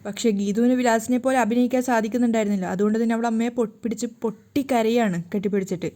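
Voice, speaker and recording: Brief: woman storyteller, mellow, plain steady retelling. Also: a little high, quick pace. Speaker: storyteller recapping a serial. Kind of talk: casual story recap narration.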